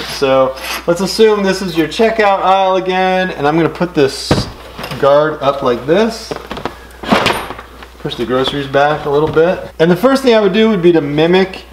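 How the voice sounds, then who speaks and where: A middle-aged man explains a DIY build step by step in a relaxed, casual how-to style, dropping fillers along the way. His voice is a little high for a man. Recorded in his home woodworking garage, the audio is roomy and echoey with clear workshop noise behind him.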